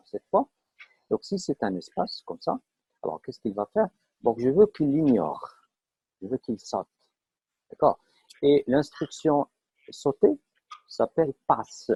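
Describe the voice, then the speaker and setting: Guy teaching a coding class online, lots of "donc" and "d'accord?", husky, muffled call audio. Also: medium pitch, dark tone, no room sound. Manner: explains step by step with many fillers and checks for understanding. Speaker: programming teacher.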